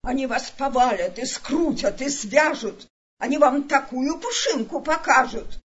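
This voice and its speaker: A woman's voice: high voice, lively intonation, unhurried, breathy edge, voice pushed up, exaggerated voice. Storybook: female reader as a bossy, scolding mother kangaroo, dismissive, muffled sound. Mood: scornful. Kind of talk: storybook reading.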